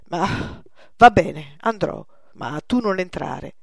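A woman's voice: lowish voice, animated, slow pace, creaky, no room sound, clean studio sound, full character voice. A woman voicing a young woman in love, earnest and spirited. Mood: torn. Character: young woman, proud and devoted lover.

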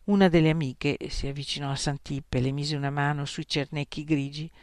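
A man narrating a literary story in a measured, ironic storytelling manner. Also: fairly high pitch, fairly even intonation, no echo, clean studio sound.

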